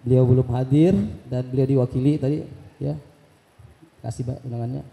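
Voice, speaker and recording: A man leading an Islamic boarding school gives a ceremonial welcome speech in a mosque, fervently leading takbir chants and retelling conversations with animated energy. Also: medium pitch, a little fast, gravelly. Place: large mosque hall. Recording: echoey PA sound in a big hall.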